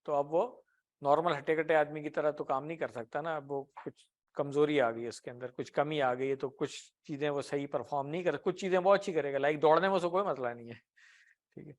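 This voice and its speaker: A man's voice: on the high side, steady tone. A man teaching Arabic grammar in an Urdu classroom lecture, patiently explaining with everyday examples and asking the class questions. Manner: often ends points with a tag question.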